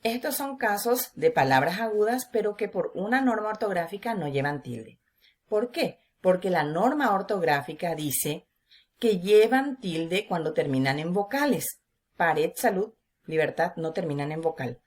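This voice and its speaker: A woman teacher giving a recorded class lesson, explaining slowly and stressing syllables as she repeats key words. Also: lowish voice, lively intonation.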